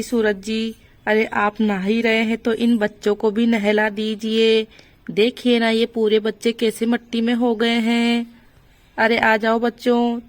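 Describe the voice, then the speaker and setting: A woman telling a village doll story and voicing a fussing, scolding mother figure. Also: on the high side. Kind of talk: doll story narration with character voices.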